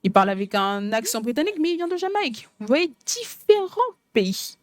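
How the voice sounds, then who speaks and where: A woman's voice: on the high side, sing-song, fairly quick, dry recording. A woman interpreting a sermon, emphatic and repeating phrases.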